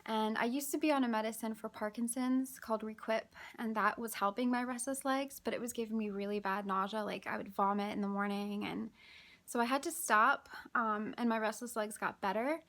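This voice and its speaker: Weary, breathless woman with a gravelly edge. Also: fairly high pitch, a bit bright. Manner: weary, halting, many fillers and sighs. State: exhausted and out of breath. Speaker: vlogger. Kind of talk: casual chatty vlog.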